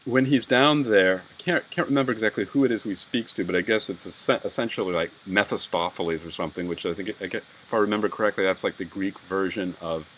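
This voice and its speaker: A man's voice: on the low side, quick pace, few pauses, a bit bright, slight background noise, rough recording. A man giving a university lecture, rambling and peppering his talk with "right?" and "you know".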